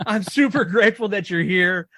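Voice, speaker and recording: A man's voice: sits high, normal speed, pushed and bright, no room sound, studio quality. A man hosting a podcast, talking eagerly with many restarts and small laughs. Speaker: podcast host. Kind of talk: casual interview chat.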